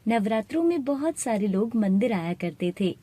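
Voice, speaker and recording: A woman narrating an animated moral story in a steady, plain storytelling manner. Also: on the high side, moderate pace, breathy edge. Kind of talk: scripted narration.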